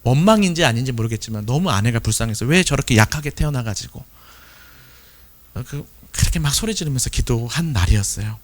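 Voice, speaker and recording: A man preaches to his church in a mid-pitched voice that swings widely as he tells a personal story. He slips into quick acted quotes now and then. His delivery stays conversational and animated. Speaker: pastor. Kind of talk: sermon testimony.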